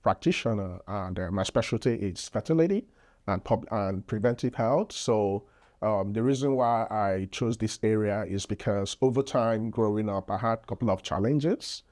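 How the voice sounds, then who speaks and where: A man with a Nigerian accent speaks in a fairly low voice. He talks as a podcast guest, explaining things earnestly and patiently, with many fillers and restarts in a casual interview. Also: moderate pace, a little mellow. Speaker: podcast guest, public health physician.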